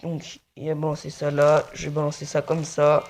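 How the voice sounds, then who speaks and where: A man's voice: fairly high pitch, monotone, normal speed, darkish tone. A young man giving casual, muttered play-by-play commentary on his own mobile game match, swearing often. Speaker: gaming video creator.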